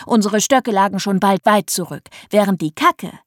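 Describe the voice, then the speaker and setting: A woman's voice: mid-range voice, moderate pace, dry recording, studio quality. A woman narrating a funny first-person children's story in a playful voice and speaking straight to young listeners. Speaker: audiobook narrator.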